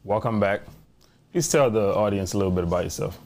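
A man's voice: lowish voice, brisk, a little mellow. A man hosting a panel discussion over a video call, making brief, welcoming introductions. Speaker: host. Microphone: video call webcam.

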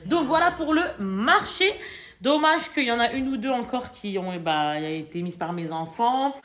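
In a casual haul vlog, a talkative woman in her forties addresses viewers directly as she shows her purchases, full of fillers and side comments. She speaks at a normal speed in an animated, slightly high voice with a fairly bright tone.

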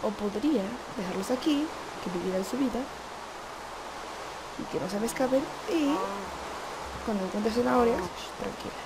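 A woman's voice: a little high, expressive, normal speed, pauses often. A woman giving casual, chatty commentary while playing a game, playfully coaxing the animals. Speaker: gamer. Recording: noisy home recording.

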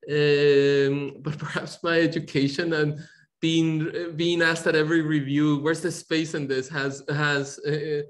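A man's voice: fairly high pitch, little pitch movement, unhurried. A middle-aged man from Colombia, an architect speaking in an academic webinar, hesitant, with many fillers and restarts, heard over a video call. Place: home room, video call. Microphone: computer mic on video call.

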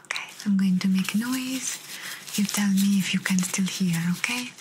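A young woman playing a calm Italian clinician in a whispered role-play, with an Italian accent, whispering close, right in the listener's ear. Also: medium pitch, moderate pace, noisy background, close to an everyday voice. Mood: soft, instructing. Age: young adult. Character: calm, encouraging female Italian clinician giving an exam. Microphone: close ASMR microphone.

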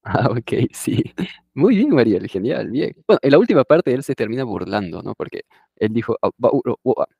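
A man's voice: mid-range voice, very animated, normal speed, creaky, mellow, breathy edge, dry recording, muffled recording. A man teaching an English class who explains in a conversational way and often checks in with his listeners. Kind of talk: explaining a lesson.

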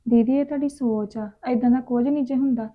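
A woman's voice: a little high, fairly even intonation, fast, highs cut off. A woman playing a younger relative, reassuring and persuasive. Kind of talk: village drama acting.

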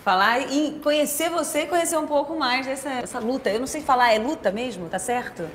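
A woman TV host leading an interview in a lively, chatty, teasing way. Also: sits high, fast talker, long reverb tail, slight background noise.

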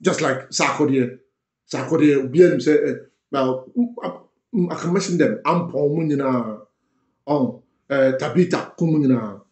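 A man's voice: mid-range voice, moderate pace. A man with a Ghanaian accent giving political commentary as an online show host, mixing English and Twi with emphatic delivery. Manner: switches between English and Twi, animated and emphatic. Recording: roomy echo.

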